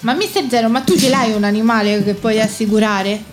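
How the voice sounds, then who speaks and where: A woman's voice: fairly high pitch, a little fast, faint music behind. A woman co-hosting in playful casual group chat, echoing called numbers and putting in short interjections. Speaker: podcast co-host and bingo player.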